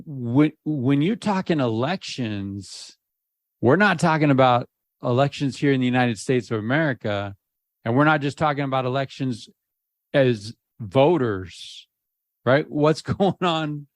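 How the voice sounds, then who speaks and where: A man co-hosting a podcast, relaxed, slowly laying out context before a question. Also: mid-range voice, dry recording, clean studio sound. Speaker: podcast co-host. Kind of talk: casual interview chat.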